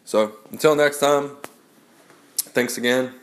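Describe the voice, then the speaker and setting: Speaking slowly with fairly even intonation, this medium-pitched man blogs and writes memoirs. Through a stuffy head cold he rambles about memoir writing in a casual audio blog, restarting many times, in a roomy-sounding space.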